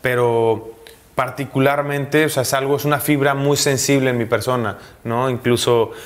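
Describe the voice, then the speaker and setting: A man in his thirties with a Mexican accent, speaking candidly as an interview guest, with frequent pauses, fillers and restarts. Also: mid-range voice, fairly even intonation. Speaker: interview guest, professional footballer. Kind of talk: casual conversational interview.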